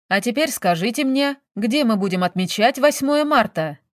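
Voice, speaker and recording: A woman's voice: fairly high pitch, lively intonation, moderate pace, dry recording, studio quality, lightly acted. Woman reading as a whiny, wheedling detective. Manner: pleading, wheedling. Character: whiny playful grown man, a detective.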